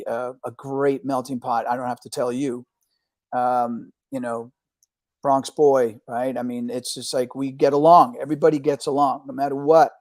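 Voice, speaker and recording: A man's voice: medium pitch, darkish tone, no echo, clean studio sound. A middle-aged man from Argentina, a film director talking energetically as an interview guest, often restarting his words. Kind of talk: casual interview talk.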